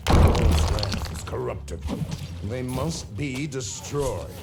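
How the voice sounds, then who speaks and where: A man's voice: medium pitch, slow pace, vocal fry. A man narrating a fantasy game as dungeon master, with dramatic, atmospheric storytelling from a script. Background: loud music.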